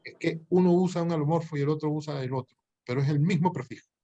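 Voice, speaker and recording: A male language professor explaining grammar to his students, patient and thinking aloud, with pauses and self-corrections. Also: a little high, mellow, highs cut off.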